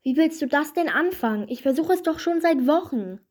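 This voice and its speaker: A woman voicing a sad, shy young male dragon in a storybook, with a high, plaintive voice. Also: expressive, fairly quick, darkish tone.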